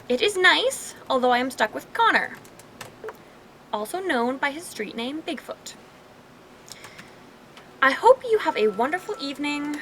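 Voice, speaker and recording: Comedy series lead: a woman as a haughty, prim young woman with stiff formal diction, high and swooping, bright. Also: a little hiss or hum, heavily acted. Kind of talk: comedy web series acting.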